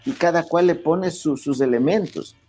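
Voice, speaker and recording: A man's voice: a little high, normal speed, mellow, breathy edge. A man, a guest explaining music history in a lecturing way, often checking in with "¿ya?". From Ecuador. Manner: lecturing, frequent "¿ya?" checks, many restarts. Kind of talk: explanatory interview talk.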